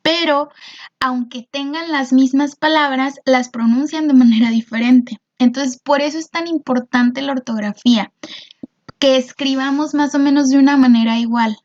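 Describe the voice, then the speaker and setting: A woman's voice: high voice, fairly even intonation, normal speed, darkish tone, dull audio. A woman teacher, patiently explaining a lesson and often checking in with her students. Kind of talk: recorded class explanation.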